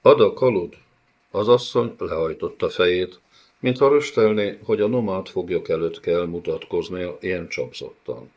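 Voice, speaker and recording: A man narrating a fantasy novel as an audiobook, telling the story in a steady, dramatic way. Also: deep voice, lo-fi sound.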